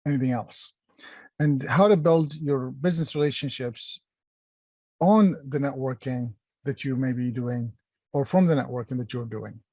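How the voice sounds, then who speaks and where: A man's voice: medium pitch, darkish tone, no room sound. A middle-aged man from Palestine, raised in Kuwait, presents an online workshop in a conversational manner, with many fillers and restarts while he addresses the chat. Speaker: workshop presenter, company founder.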